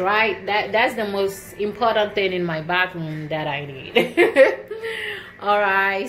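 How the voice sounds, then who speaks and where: A slow-talking woman, a service member and vlogger, films a casual tour of her small, empty apartment indoors with a handheld phone, remaining off-screen. Her voice is fairly low, relaxed and punctuated by frequent laughs, over a faint hiss or hum.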